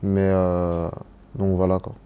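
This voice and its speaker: A man's voice: low-pitched, monotone, slow, clear, resonant tone, dull audio. A young man from Cameroon, raised in Belgium, answering interview questions in a hesitant way, with many fillers and restarts. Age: young adult. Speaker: footballer being interviewed.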